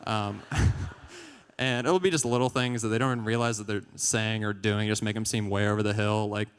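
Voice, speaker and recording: A young man performing a stand-up comedy set on stage, deadpan and chuckling at his own jokes. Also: fairly low pitch, normal speed, slight background noise. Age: young adult. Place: stage in a large hall. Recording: live hall with long reverb.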